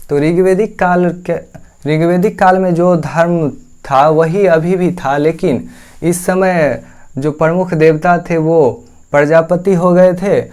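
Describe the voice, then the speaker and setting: A man's voice: on the high side, a little mellow. A young man teaching exam-prep history point by point, asking questions and then answering them himself. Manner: explains point by point, asks and answers his own questions. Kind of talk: lecture.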